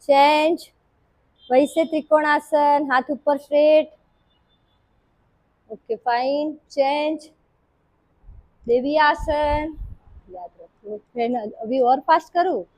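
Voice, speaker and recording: Woman, yoga teacher, short clipped cues, high voice, slow and drawn out. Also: a little mellow, poor audio. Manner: brisk, commanding cues mixing Hindi and English. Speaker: yoga instructor. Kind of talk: live class instruction, calling poses.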